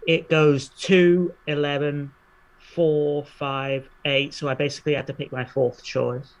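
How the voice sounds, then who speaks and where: Mid-pitched player, rambles and thinks aloud, laughs at themself. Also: level tone, unhurried, lo-fi sound. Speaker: game player. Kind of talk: casual game chat.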